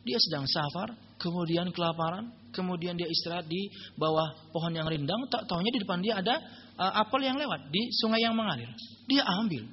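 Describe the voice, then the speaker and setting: A male Islamic preacher telling a story in a humorous religious lecture, joking and animated. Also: high voice, fairly quick, muffled recording, slight background noise.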